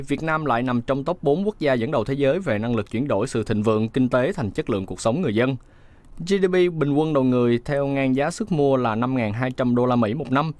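A man reading a scripted news voice-over in a steady, measured way. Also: mid-range voice, no echo. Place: studio booth.

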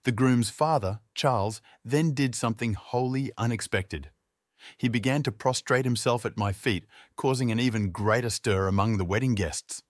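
A man narrating a dramatic first-person story in a scripted, expressive reading. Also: medium pitch, normal speed, no echo, studio quality.

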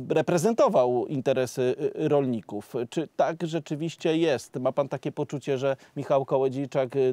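Dark-voiced male studio news host. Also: fairly high pitch, no room sound. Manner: measured, slowing down for questions. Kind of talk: studio interview questions and commentary.

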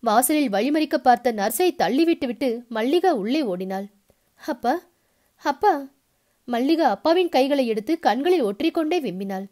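A woman narrates a novel aloud with a notably high voice. Her reading is steady and expressive, carrying the listener from scene to scene. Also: normal speed, few pauses. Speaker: storyteller.

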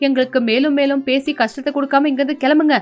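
A woman voicing a young daughter-in-law in an animated story, soothing her in-law and firm with neighbours. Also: sits high, fast, soft background music, natural voice. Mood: defiant.

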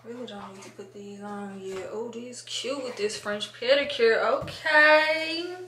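Her voice sits on the high side with a sharp tone, unhurried and captured from a distance. The young woman vlogs casually in a cramped indoor bathroom while prepping for a night out, sassy and slangy, playfully sprinkling in "honey"; the camera is handheld or a step away, the room echoes, and faint noise lingers behind her.

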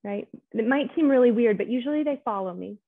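A woman's voice: on the high side, lively intonation, fast talker, no room sound. A woman clinical social worker giving a conversational webinar talk, often checking in with "right?". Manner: chatty, keeps asking "right?" to check in with listeners. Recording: tinny phone-like audio.

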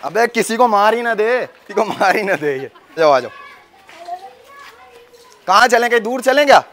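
Young man from pakistan, high voice, joking and excitable, shouting outdoors vlog commentary. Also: normal speed, a faint crowd, a little hiss or hum. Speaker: vlogger. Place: outdoors on a busy street.

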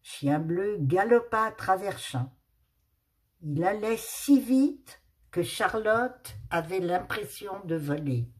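A woman reading a children's storybook aloud, expressive and unhurried. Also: mid-range voice.

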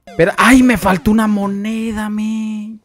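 A young man with a Mexican Spanish accent giving chatty live gameplay commentary, greeting viewers and letting out excitable exclamations. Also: high-pitched, measured pace, soft background music. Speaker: streamer.

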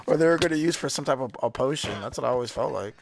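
A young man streaming a video game, chatting and joking casually with a friend and often breaking into excited, high-pitched yells and laughter. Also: gravelly. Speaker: gaming streamer. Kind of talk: casual gaming chat with a friend.

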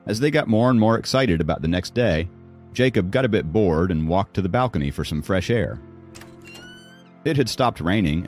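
Deep-voiced male audiobook narrator. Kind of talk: scripted narration.

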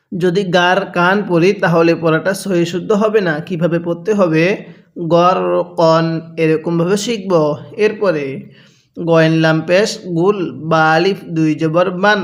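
A man teaching Quran reading, spelling out syllables and repeating them in a steady drill, asking his own questions and answering them. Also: on the high side. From Bangladesh. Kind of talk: spelling-out recitation lesson.

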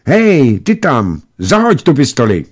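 A man reading a story aloud and voicing a young village boy, suspicious and shrill. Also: very animated.

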